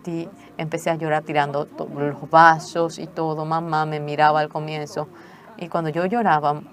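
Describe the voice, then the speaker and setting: A woman telling her own life story as a personal testimony, in an earnest, measured way. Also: deep voice, level tone. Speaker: testimony speaker.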